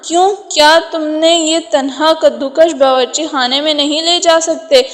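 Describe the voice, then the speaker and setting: A woman's voice: sits high, fairly even intonation, lightly acted. A woman reading the part of a playful, joking young man in an audio novel. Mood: teasing. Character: teasing witty young man Farooq. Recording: long hall reverb.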